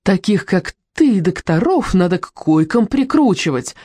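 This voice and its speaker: A reader doing a shrill scolding wife. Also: very animated, unhurried, warm tone, dry recording, studio quality. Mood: indignant. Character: indignant woman, a wife, scolding.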